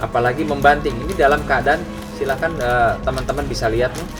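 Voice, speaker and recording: A man's voice: mid-range voice, quick pace, over loud music. A man making an insistent statement at a press conference, rebutting claims.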